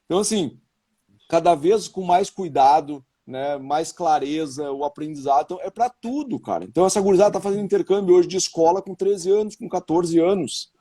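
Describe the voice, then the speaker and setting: A man's voice: a little high, a little fast. A man, a business guest, talking emphatically in casual conversation and peppering lines with fillers. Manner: animated, emphatic, many fillers like "sabe" and "cara". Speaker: business guest who works with a factory. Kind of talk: casual live-stream conversation.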